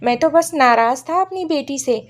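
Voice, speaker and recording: A woman's voice: high voice, lively intonation, normal speed. A woman voicing a greedy older male village headman who talks in rustic village speech. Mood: pleading. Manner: rustic village speech, pleading then scheming.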